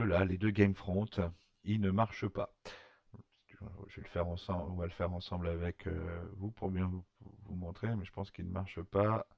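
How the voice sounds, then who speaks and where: A man talking through a screen-recorded software tutorial, hesitant, with many fillers and restarts. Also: low-pitched, no room sound, lo-fi sound. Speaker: tutorial maker.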